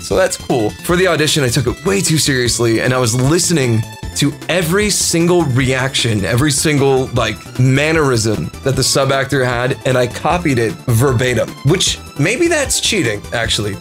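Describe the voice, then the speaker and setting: A man with a mid-range voice chats casually as a video host, telling a comic story at his own expense. His delivery is animated and self-deprecating, with stop-and-start emphasis, and music plays behind him. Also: medium pitch. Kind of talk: casual comedic storytelling to camera. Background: background music.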